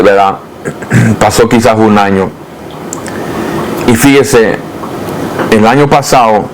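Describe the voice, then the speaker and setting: A man's voice: mid-range voice, slight background noise, low-quality recording. Earnest man giving a church testimony. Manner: earnest, addresses listener as brother; rises and gets louder when reliving prayers. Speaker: pastor. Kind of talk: testimony in a podcast interview.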